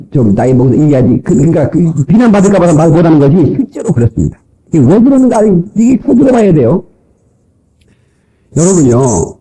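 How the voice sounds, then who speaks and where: High, lively-voiced joking male pastor. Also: low-quality recording. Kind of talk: sermon. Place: church.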